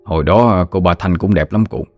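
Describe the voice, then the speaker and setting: A man's voice: deep voice, moderate pace, a little mellow, dry recording, soft background music, close to an everyday voice. A man voicing a patient, good-humored middle-aged nephew, reassuring and teasing. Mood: patient, amused.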